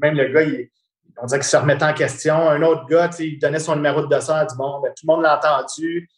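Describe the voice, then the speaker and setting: A man with a Quebec French accent tells a long personal story as a guest, animated and often repeating words while he searches for the next one. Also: fairly high pitch, fast talker. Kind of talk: casual storytelling conversation. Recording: roomy echo.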